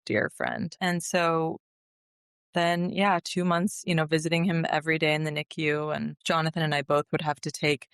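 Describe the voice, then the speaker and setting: A woman's voice: low voice, flat delivery, normal speed, smooth, dry recording, clean studio sound. A woman in her thirties, a podcast guest, telling a personal story earnestly and emotionally, with many fillers and restarts.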